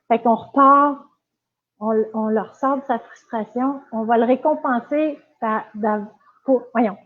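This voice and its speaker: A woman with a Quebec French accent, giving a casual live-stream lesson as a dog trainer, chatty with many fillers and restarts. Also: a little high. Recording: tinny phone-like audio.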